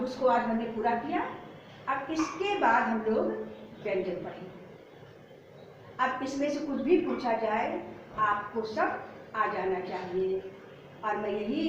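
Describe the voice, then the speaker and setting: A woman teaching an exam-prep lesson, explaining step by step and repeating words slowly to correct spelling. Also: fairly high pitch. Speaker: Hindi teacher. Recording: echoey far-off lo-fi room sound with faint hiss.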